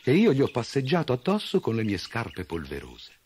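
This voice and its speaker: A man voicing a small, wronged male Tomt sprite who talks high and pushy, sometimes in a sing-song. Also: wildly swooping pitch, moderate pace, a little mellow, slight background noise. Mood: indignant.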